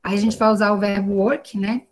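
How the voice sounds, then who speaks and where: A woman's voice: mid-range voice, steady tone, brisk. A woman with a Brazilian Portuguese accent teaching an online class over a video call, explaining patiently and often checking in with tag questions. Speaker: English teacher.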